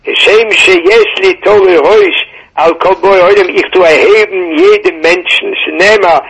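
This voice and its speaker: Male Torah teacher, husky and gravelly, halting delivery with repeats, muffled phone line. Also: high voice, fairly even intonation, a bit bright. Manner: halting, repeats words, mixes Hebrew into German.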